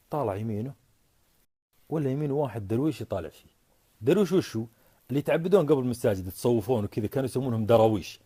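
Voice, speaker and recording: A man spinning a story at breakneck speed. His voice is dark and husky, and the recording is dry and close. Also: on the low side, no room sound. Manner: rapid, animated, conversational. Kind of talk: casual oral storytelling.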